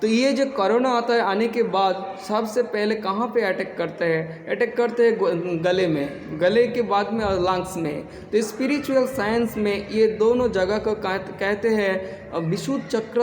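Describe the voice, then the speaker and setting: A man teaching yoga in a casual, halting way, with many restarts and some throat clearing. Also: high-pitched, reverberant, long reverb tail, slight background noise. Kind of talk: casual spoken instruction.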